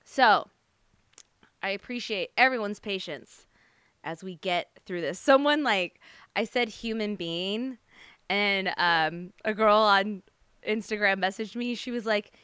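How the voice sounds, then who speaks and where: A woman's voice: medium pitch, a little slow, sharp tone, smooth, no room sound, clean studio sound. An American woman hosting a casual solo podcast, brash, sweary and jokey, her speech slightly lisping and slurred from wearing retainers. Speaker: podcast host.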